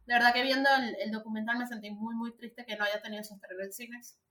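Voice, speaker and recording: A woman's voice: fairly high pitch, steady tone, fast, sharp tone. A woman in her thirties, chatting animatedly about a film as a podcast co-host, with lots of fillers. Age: 30s. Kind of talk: casual film review chat. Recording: echoey room.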